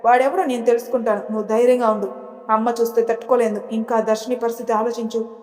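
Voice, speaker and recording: A man's voice: very high voice, flat delivery, quick pace, faint music behind. A woman voicing a firm, urgent young man who steadies a frightened friend, read in a storybook narration with long reverb. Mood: reassuring. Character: young man urging courage.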